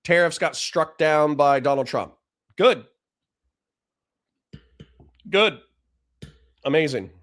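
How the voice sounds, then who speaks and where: A man with a dry, slightly high and somewhat bright voice delivers blunt, profane political commentary to a livestream chat, restarting his sentences quickly.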